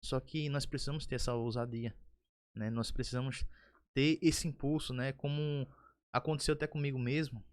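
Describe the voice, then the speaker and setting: A man's voice: mid-range voice, normal speed. Earnest man telling a church story. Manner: earnest storytelling, rising when excited. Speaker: podcast host. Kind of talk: casual testimony chat.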